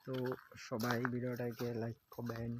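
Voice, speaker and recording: Out by the fields in blazing sun, a novice vlogger rambles into an old handheld phone, repeating "okay?" over and over. His medium-pitched voice is completely flat and moves at a moderate pace against a noisy background.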